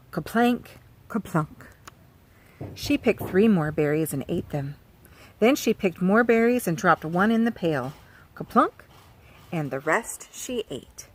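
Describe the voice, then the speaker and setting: Outdoors beside her farm garden, a woman who writes children's books reads a picture book aloud to young listeners. Her medium-pitched voice is animated and sing-song, she asks the kids questions, and there's slight background noise.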